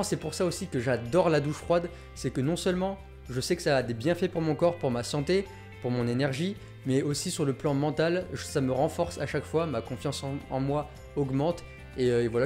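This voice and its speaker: A man's voice: fairly high pitch, a little mellow. A man hosting a health video, talking directly and enthusiastically to his viewers. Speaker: health YouTuber. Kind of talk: energetic video monologue.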